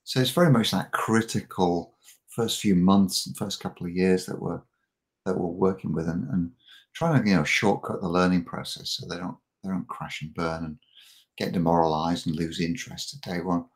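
Middle-aged man guest, deep gravelly voice, stumbling restarts, casual chat. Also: fairly even intonation, normal speed. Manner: frequent repeated words and restarts. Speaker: podcast guest, marketing coach.

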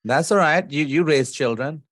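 Male podcast host, relaxed and informal, dry studio audio. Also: a little high, moderate pace, no room sound. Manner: easygoing, informal with fillers. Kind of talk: interview hosting.

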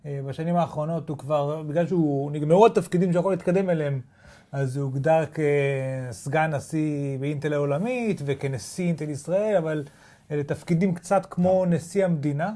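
Higher-voiced, mellow Israeli man chatting. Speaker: podcast co-host. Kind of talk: casual tech news chat.

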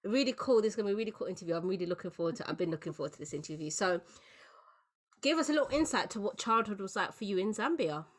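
A woman's voice: mid-range voice, expressive, very fast. Chatty woman hosting a podcast. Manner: chatty, encouraging with frequent backchannels. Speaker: podcast host. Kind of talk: casual podcast interview.

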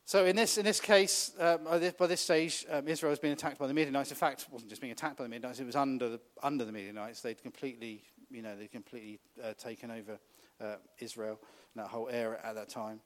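A man's voice: medium pitch, fairly even intonation, fast talker, hardly any pauses. Chatty man preaching a sermon. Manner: conversational, laughs often, asks the congregation questions.

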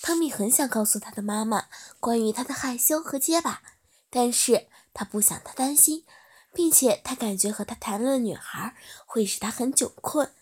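A woman narrating a story in a soft, steady reading voice. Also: on the high side, moderate pace, slightly rough.

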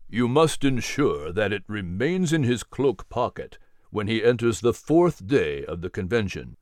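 Brief: reader as low, solemn male mentor. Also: big pitch swings, a little mellow, dry recording, clean studio sound. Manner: grave, measured pronouncements. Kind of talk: storybook character voice.

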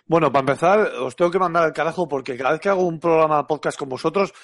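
A man's voice: on the high side, racing, fairly bright tone, dry recording, studio quality. A man with a Castilian Spanish accent chatting casually and colloquially about games as a podcast panelist, often repeating words as he goes. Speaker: video game podcast panelist. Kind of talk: casual game review chat.

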